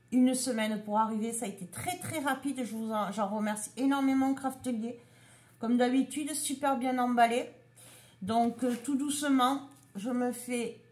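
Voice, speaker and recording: A woman chatting casually as she shows a craft haul, item by item. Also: fairly high pitch. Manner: slow, chatty, showing items one by one. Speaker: craft vlogger.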